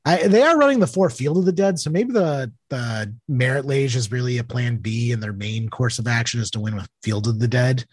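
A man with a Boston accent co-hosting a podcast, chatting casually about card games and thinking aloud haltingly. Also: medium pitch, breathy edge, no echo, clean studio sound. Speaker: podcast co-host. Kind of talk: casual banter and card game commentary.

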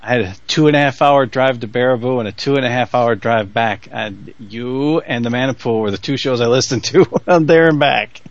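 A man's voice: medium pitch, a little fast, hardly any pauses, dry recording. Man on dull lo-fi call audio. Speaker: podcast guest. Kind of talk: casual chat over a video call.

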